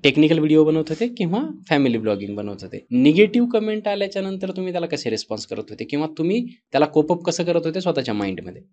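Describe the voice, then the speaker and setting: A man's voice: a little high, very animated, very fast, hardly any pauses, a little mellow, dull audio. A man hosting an interview, asking long, thoughtful questions in casual talk.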